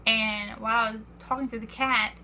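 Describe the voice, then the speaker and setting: Teenage girl vlogger, bright slightly high voice, eager rambling storyteller. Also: steady tone, brisk, slight background noise. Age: teens. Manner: breathless, repeats "I was like", acts out quotes. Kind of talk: excited storytelling vlog.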